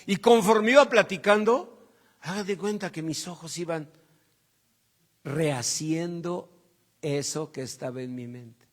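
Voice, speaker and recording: A man preaching as a pastor, telling a personal story and acting out the dialogue in quiet voices. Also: a little high, unhurried, pauses often. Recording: long hall reverb.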